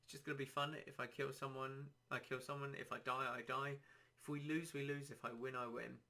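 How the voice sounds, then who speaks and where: Bright-voiced man rambling about gaming. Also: medium pitch, flat delivery, a little fast. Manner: rambling, self-deprecating, easygoing. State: dry throat, slightly hoarse. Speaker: podcast host. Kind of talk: casual solo podcast chat.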